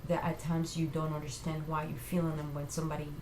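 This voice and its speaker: A woman giving an earnest, halting personal faith testimony to camera, tearful and sounding like she has just been crying. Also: low voice, flat delivery, a little mellow. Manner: earnest, halting, reassuring listeners. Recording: echoey room with faint noise.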